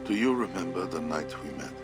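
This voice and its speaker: A man's voice: sits low, animated, fairly quick, over music. An actor playing a bitter, jealous Frankish king in a video game, pompous and theatrical, with a sardonic edge. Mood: wistful. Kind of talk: dramatic video game acting.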